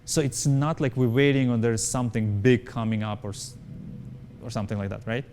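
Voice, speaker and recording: Soft music plays in the background as a man with a mid-range, slightly mellow voice speaks fairly quickly. English is his second language, and as a company founder in an interview he answers emphatically, restating his points and checking with "right?".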